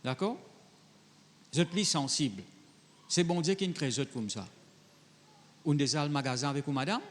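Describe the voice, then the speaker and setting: A man's voice: a little high, normal speed, a little hiss or hum. Man preaching in a reverberant hall. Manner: conversational preaching, mixing French with Creole phrasing; reads Bible verses then addresses the congregation directly. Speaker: pastor. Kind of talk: sermon.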